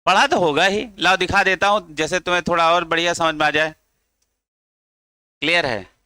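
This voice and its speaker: A man's voice: on the high side, normal speed, sharp tone, clean tone, no echo. A male chemistry teacher giving a classroom lecture, coaxing his students and drilling them to chant along.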